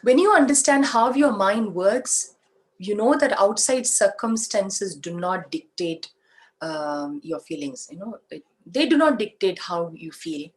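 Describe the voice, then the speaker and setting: A woman from India delivers a spiritual talk with an Indian English accent. She speaks very slowly and deliberately at a medium pitch. She explains each point with plain examples and keeps asking her listeners rhetorical questions. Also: animated, poor audio. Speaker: spiritual teacher.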